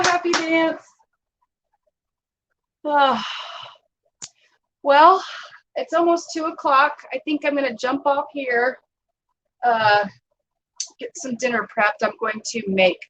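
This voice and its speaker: A woman's voice: sits high, fairly bright tone, highs cut off, slight background noise. A woman hosting a casual live stream from home, chatting with viewers, greeting them by name and laughing often.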